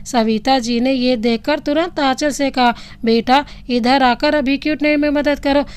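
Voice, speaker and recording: High-voiced woman telling a bedtime story. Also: smooth. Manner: steady expressive reading. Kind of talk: scripted story narration.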